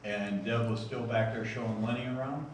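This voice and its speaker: A man with a fairly low voice recounts things casually, like a ghost hunter comparing notes. He sounds far from the microphone in a hugely reverberant, noisy room. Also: fairly even intonation, normal speed. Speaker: paranormal investigator. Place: large indoor bowling alley. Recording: very echoey, distant, noisy.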